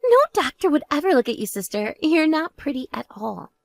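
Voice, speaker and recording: A woman voices a vain young sister in a voiced text story. She is bratty, boastful and quick to take offense, with a high voice that leaps around. The sound is dry and close. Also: big pitch swings, creaky, no echo, exaggerated voice. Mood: taunting. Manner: boastful, taunting, indignant.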